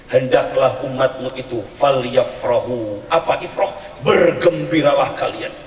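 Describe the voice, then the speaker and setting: A man preaching a sermon at a community religious gathering, speaking in an animated, humorous way and chanting verses in a sing-song tone. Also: on the high side. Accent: Indonesian. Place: community event hall or tent. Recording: echoey hall, distant mic.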